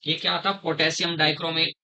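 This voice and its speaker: A middle-aged man teaching a chemistry class, slowly repeating terms, quizzing his students and calling them "beta". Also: fairly high pitch, little pitch movement, gravelly, bright, forceful tone, poor audio. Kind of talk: classroom lecture.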